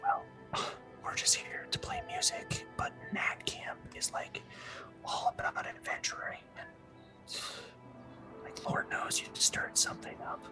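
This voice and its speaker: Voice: unhurried, close to an everyday voice. Someone doing a whispery snippy camp counselor guy, all breath, sighing, music behind. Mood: irritated. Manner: constant breathy whisper, exasperated sighs. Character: whispering, passive-aggressive camp head counselor. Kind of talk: tabletop game character voice.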